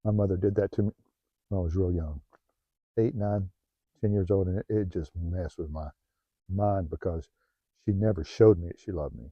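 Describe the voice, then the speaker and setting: Middle-aged Southern man, low-pitched and heartfelt, motivational vlog, dry lo-fi sound. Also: normal speed, long pauses, no echo. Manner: heartfelt, repetitive, restarts phrases, softens when personal. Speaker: self-help vlogger. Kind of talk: earnest motivational talk to camera. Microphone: new home-video mic, dull sound.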